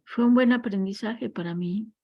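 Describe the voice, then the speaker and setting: A woman's voice: mid-range voice, moderate pace, creaky, dry recording, muffled recording. A woman teaching a class on family constellations, speaking reflectively and weaving in parables and personal stories. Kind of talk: recorded class lecture.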